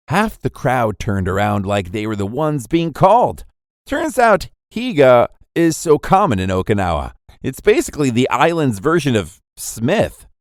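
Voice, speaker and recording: A man's voice: mid-range voice, no room sound, studio quality. A man narrating an anime recap in a playful, jokey storytelling manner.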